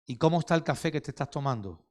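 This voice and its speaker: A man voicing a wise old grandmother who gently teaches her granddaughter, within a sermon story. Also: on the high side, lively intonation, rapid-fire, lightly acted. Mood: gently instructive. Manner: gentle, instructive.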